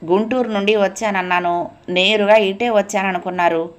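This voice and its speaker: A polite, slightly uneasy young woman new to a strange house, voiced by a woman narrator. She talks softly and plainly, close to the reader's own voice. It comes from a storybook reading. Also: mid-range voice, steady tone, normal speed, lightly acted.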